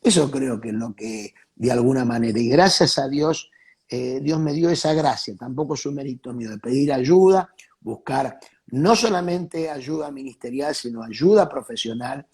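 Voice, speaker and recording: A man's voice: mid-range voice, lively intonation, moderate pace, darkish tone, husky. A man, a pastor guest giving a reflective faith talk, preaching and repeating key phrases for emphasis.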